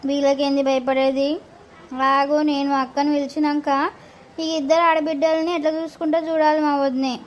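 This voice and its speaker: A woman voicing a scheming cartoon mother, high and flat. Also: brisk, lightly acted. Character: protective middle-aged mother, scheming and indignant. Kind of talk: cartoon voice acting.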